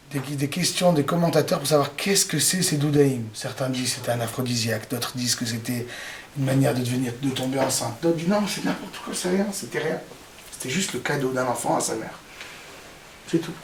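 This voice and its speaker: A man from Morocco, a rabbi giving a lively, joking religious lesson, recorded in a roomy space from a distance. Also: medium pitch, a little fast, slight background noise. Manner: lively, joking, talks to the audience.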